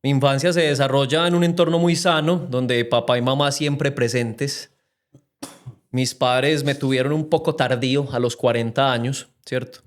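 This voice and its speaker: A young Colombian man from Medellín, a guest on a podcast, tells his story with an earnest, reflective manner. His voice sits at a middling pitch and his delivery stays conversational. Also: fairly even intonation, normal speed. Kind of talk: casual interview chat.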